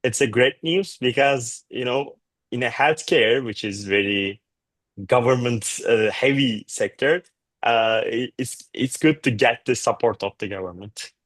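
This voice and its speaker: Halting man on a video call. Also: medium pitch, a bit bright, no echo. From Turkey. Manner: halting, many restarts and fillers. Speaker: startup founder. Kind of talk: answering panel questions on a video call.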